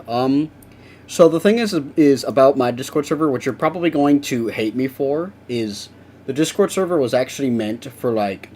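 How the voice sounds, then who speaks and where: On a live stream, a young man chats casually with viewers while he works, rambling and swearing now and then. His voice is mid-range with a darkish tone, and there's slight background noise.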